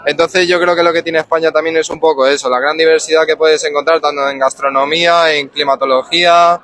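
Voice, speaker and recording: Calm, slightly high-voiced Spanish man. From Spain. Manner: calm, measured, reflective. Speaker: street interviewee. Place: outdoors on a street.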